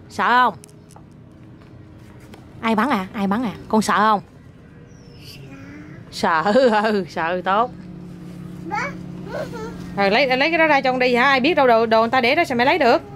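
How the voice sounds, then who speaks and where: A woman's voice: fairly high pitch, measured pace, long pauses, fairly bright tone. A mother, chatting with her toddler outdoors and coaxing them in a playful, repetitive way. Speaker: mother filming her child. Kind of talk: casual chat with a toddler. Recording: faint outdoor noise.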